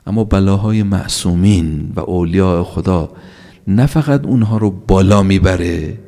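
Low gravelly man preaching in a hall. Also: mellow. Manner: emphatic, pitch swings up on key points, rhetorical questions. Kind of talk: religious sermon. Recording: long reverb of a large hall.

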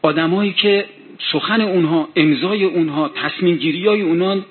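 A man preaching a sermon, telling a story dramatically, his voice rising in heated passages. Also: high-pitched. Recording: tinny phone-like sound with faint hiss.

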